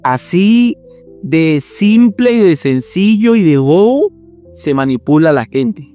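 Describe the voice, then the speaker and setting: A high-voiced man preaching in a mocking, theatrical way, swinging from put-on rapture to scorn. Soft music plays faintly underneath. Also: animated, slow. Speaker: preacher and apologetics teacher. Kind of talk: mocking sermon-style teaching.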